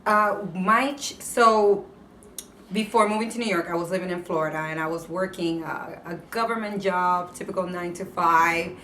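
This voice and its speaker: A woman from Puerto Rico with a lowish voice speaks at normal speed, passionate and expressive. An entertainment correspondent, she gives casual answers as an interview guest, recorded on a distant mic in an echoey room with faint noise.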